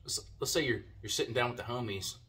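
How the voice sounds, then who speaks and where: A man's voice: mid-range voice, fast, bright, forceful tone. A man giving a casual, slangy, profane product review while talking with a lip full of dip. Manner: laid-back, slangy and profane. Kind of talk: casual video review chat.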